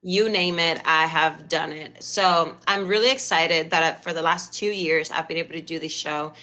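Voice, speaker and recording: The audio is poor, but her low voice comes through bright and forceful at a moderate pace. She is a Cuban woman in her thirties hosting a live stream talk show in a Cuban Spanish accent, chatty and effusive, with repeated thanks.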